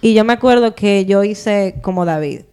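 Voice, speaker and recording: Young woman, animated storyteller, clear and smooth tone, casual testimony. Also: medium pitch, moderate pace. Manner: lively storyteller, playful and animated. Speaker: podcast co-host.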